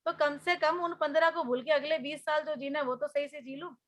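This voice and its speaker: A woman teaching a spiritual healing class talks through memories and lessons in a relaxed, conversational way. Her voice sits high and sounds bright and clear. She tells stories earnestly, and her voice sometimes falls quiet. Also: a little fast. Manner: storytelling, earnest and conversational, often drops soft. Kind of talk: spoken healing class talk.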